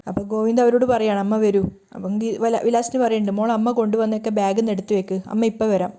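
A woman's voice: a little high, flat delivery, fast talker, mellow. A woman retelling a TV serial episode, voicing the characters' quoted lines herself. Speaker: serial recap narrator. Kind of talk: fast storytelling recap of a TV serial.

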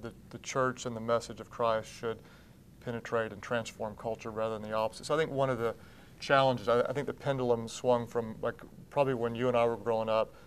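A man's voice: mid-range voice, level tone, brisk, slight background noise. A man in his thirties, a pastor speaking as a TV interview guest in a studio, earnest and often restarting his sentences. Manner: earnest, gestures with both hands, many restarts. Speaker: pastor and church founder. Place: TV studio set with blue drapes.

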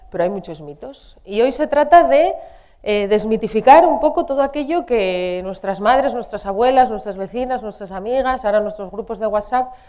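A middle-aged woman pediatrician talks parents through a workshop. Her voice is mellow and warm, and her pitch swings widely as she acts out their worries.

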